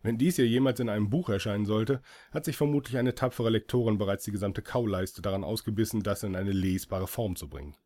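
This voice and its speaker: A man's voice: lowish voice, a little fast, hardly any pauses, warm tone. A man reading a first-person story aloud as an audiobook, with dry, ironic delivery. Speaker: audiobook reader.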